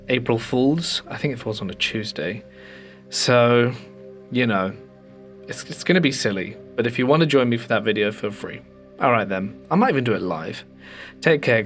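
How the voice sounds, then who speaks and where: A man hosting a channel of ghost stories reads the submissions aloud in a calm, measured manner, pausing slowly for drama. Faint music sits behind his medium-pitched voice.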